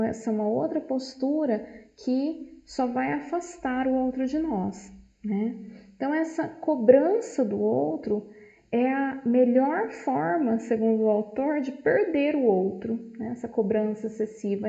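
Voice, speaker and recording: A woman's voice: a little high, creaky, warm tone. A woman presenting a book study to a group, explaining at length and tagging her sentences with questions. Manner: explanatory, frequent "né" tags. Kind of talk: informal book study talk. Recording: dull lo-fi, roomy echo.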